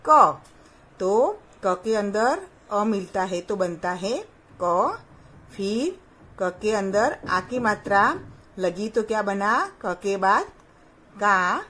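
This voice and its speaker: A woman's voice: medium pitch, takes it slowly, fairly bright tone. A woman teacher giving a patient phonics lesson to young children, sounding out each syllable and asking them questions. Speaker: primary school teacher.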